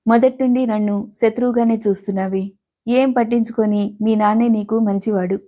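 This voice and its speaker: A woman reading the part of a bitter, resentful young widowed woman in a family quarrel, sharp and accusing. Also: a little high, fairly even intonation, brisk, natural voice. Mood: bitter, angry.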